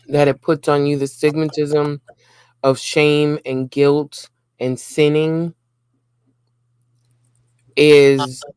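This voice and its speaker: Slow earnest man, dry close sound. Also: on the high side, clear, resonant tone, no echo. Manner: earnest, speaks in short repeated phrases. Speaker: co-host of a relationship channel. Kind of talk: casual relationship talk.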